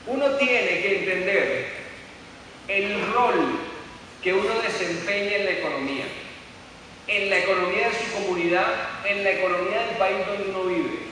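Man, middle-aged, seminar speaker, high pitched, long hall reverb, storytelling with rhetorical questions. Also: normal speed, bright, forceful tone, slight background noise. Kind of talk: motivational seminar talk. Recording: echoey hall from far off.

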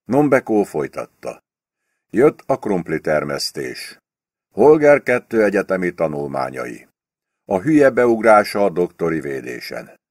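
A man reading a novel aloud as an audiobook in a steady, expressive way. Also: low voice, no echo, studio quality. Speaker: audiobook reader. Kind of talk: audiobook narration.

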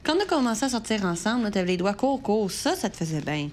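Scornful, fast-talking girlfriend, a woman playing her, low and blunt. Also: big pitch swings, darkish tone, lightly acted. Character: bossy dismissive girlfriend.

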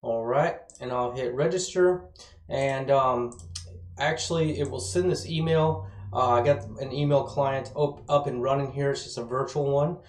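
A man in his thirties, a web development course instructor, records a casual, enthusiastic screencast tutorial, his speech slightly slurred as though his mouth is numb from dental work. His mid-range voice has fairly even intonation at a normal speed, with slight background noise. The small, bare-walled room gives the recording a roomy, echoey sound.

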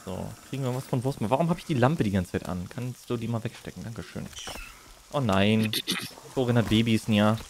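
A man's voice: on the low side, a little fast, noisy background. Rambling man streaming a game. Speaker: livestreamer, gamer. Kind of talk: casual live gaming commentary.

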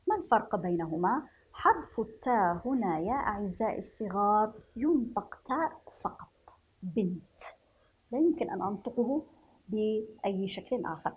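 Husky woman teaching young children. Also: medium pitch, expressive, poor audio. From Yemen. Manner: slow, clearly spelled out, questioning the class. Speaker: primary school teacher. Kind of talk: children's reading lesson.

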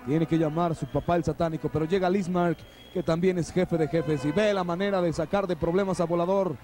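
A Mexican man working as a wrestling commentator, calling lucha libre play-by-play in an excited, dramatic sportscaster delivery. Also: a little high, a little fast. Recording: noisy old TV broadcast, arena ambience.

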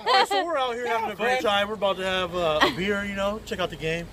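A man's voice: high voice, animated, fast, very noisy. A man putting on a stiff, proper guy. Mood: mock formal.

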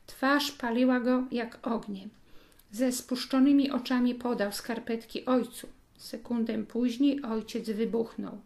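A woman reading a story aloud as an audiobook narrator, in slow, deliberate scripted narration. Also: a little high, a little mellow.

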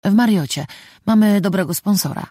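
A woman's voice: fairly quick, husky, no room sound, studio quality, natural voice. A woman voicing a nervous nineteen-year-old girl who stammers and lifts her voice in an audiobook. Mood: flustered. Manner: stammering, higher and brighter than the narration. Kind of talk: audiobook character voice.

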